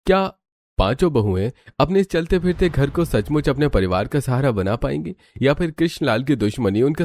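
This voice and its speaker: A man's voice: mid-range voice, darkish tone. A man reading scripted narration for a cartoon family story. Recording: clearly noisy background.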